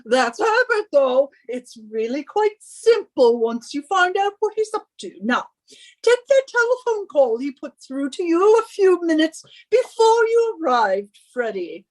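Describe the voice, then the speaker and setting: The recording is rough, and the woman's voice is very high-pitched and sing-song, a little slow, in full character. She portrays a bossy, shrill British wife in a radio suspense drama, smugly insistent as she nags and scolds with theatrical emphasis.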